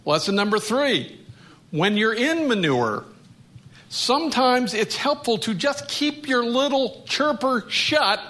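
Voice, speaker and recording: A man preaching a sermon, telling a humorous story in an animated way. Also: very high voice, takes it slowly. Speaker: pastor.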